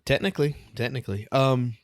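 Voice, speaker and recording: A man's voice: medium pitch, a little fast, no echo, studio quality. A man in his thirties co-hosting a podcast, chatty and upbeat, laughing easily in casual chat. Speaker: podcast co-host.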